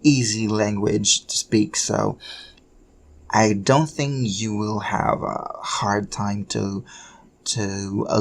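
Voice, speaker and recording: A man with an Indonesian accent leads a language lesson in an unhurried, patient way, saying each word several times and spelling it out letter by letter. His voice sits fairly low, and he speaks very slowly. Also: creaky. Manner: slow and patient, repeats words and spells them out letter by letter. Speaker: language teacher. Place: Bali.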